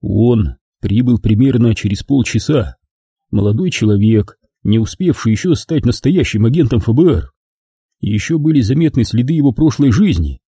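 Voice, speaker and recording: Male audiobook narrator, animated wry delivery, deep mellow tone, dry. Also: moderate pace, breathy edge, no room sound. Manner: wry, expressive storytelling. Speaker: audiobook reader. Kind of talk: first-person audiobook narration.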